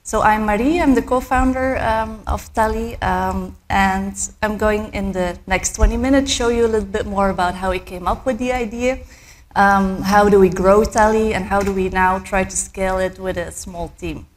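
A woman's voice: mid-range voice, fairly even intonation, normal speed. Belgian-born woman presenting with a cold. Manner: hesitant, many fillers. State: has a cold. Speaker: startup co-founder giving a talk. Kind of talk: conference presentation.

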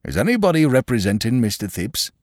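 A man voicing a peevish, precise middle-aged coroner who speaks briskly and irritably. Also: medium pitch, sing-song, dry recording, clean studio sound, pitched above the performer's own voice. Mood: stern.

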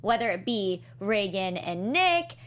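Animated young woman, bright high voice. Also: unhurried. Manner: animated, giggly, emphatic. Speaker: podcast co-host. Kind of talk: casual chatty TV recap conversation.

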